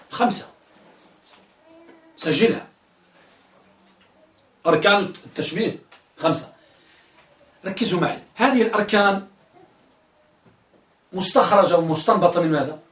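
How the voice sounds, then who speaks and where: High-voiced teacher in an echoey classroom. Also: male voice, a bit bright. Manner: questions students and drills answers. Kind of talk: classroom lesson. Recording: echoey room, mic at a distance.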